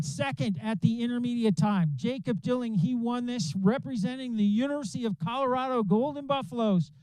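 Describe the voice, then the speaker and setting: A man calling a ski race live, excitedly repeating racers' names and finish times. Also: very high-pitched, smooth, no echo, poor audio. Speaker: race announcer. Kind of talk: live sports commentary.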